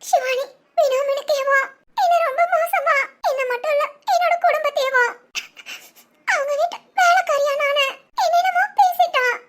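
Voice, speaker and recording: A woman's voice: very high voice, fast talker, very noisy. A woman voicing a timid young bride-to-be in a cartoon, speaking in a weepy, pleading way. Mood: tearful. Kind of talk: cartoon voice acting.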